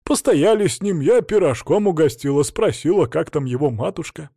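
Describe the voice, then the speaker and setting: Man voicing a high shrieking woman, squealing, lively swoops, storybook captive. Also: normal speed, gravelly, breathy edge, dry recording, clean studio sound, full character voice. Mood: chatty. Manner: shrill, squealing, tearful, chattering. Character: panicky shrieking middle-aged woman, a captive cleaner.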